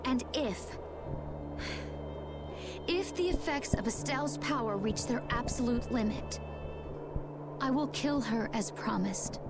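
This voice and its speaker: Earnest, high-voiced fantasy heroine. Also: female voice, animated, takes it slowly, long pauses. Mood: resolute. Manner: earnest, polite, formal. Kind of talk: video game voice acting. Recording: game music behind the voice.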